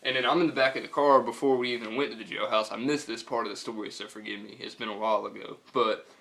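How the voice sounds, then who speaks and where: A man's voice: mid-range voice, fairly even intonation, fast talker, a bit bright. A young man with a Southern US accent telling a story casually in a slangy, profane, rambling way. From North Carolina, US.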